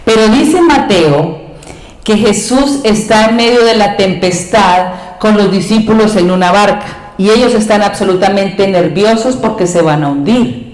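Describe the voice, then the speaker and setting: A woman's voice: medium pitch, a little mellow, echoey room, low-quality recording. A woman preaching a sermon in a church, impassioned, acting out quoted pleas in a raised voice.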